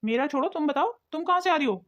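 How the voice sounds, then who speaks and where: A woman's voice: sits high, animated, fast talker, fairly bright tone, muffled recording. A woman voicing a suspicious young husband. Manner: suspicious, questioning. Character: conflicted young husband, a man. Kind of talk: cartoon voice acting.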